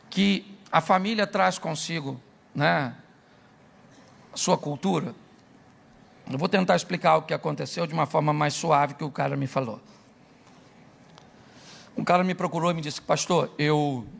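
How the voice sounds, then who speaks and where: Brazilian pastor guy, middle-aged, high gravelly voice, jokes around and asks the crowd sim ou não. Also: moderate pace, long pauses. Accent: Brazilian Portuguese. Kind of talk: humorous sermon with storytelling.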